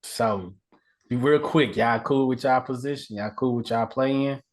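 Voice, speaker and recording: A man co-hosting a sports podcast in a relaxed style, often laughing and repeating words as he talks. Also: medium pitch, a little slow. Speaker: podcast co-host. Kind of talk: casual sports chat.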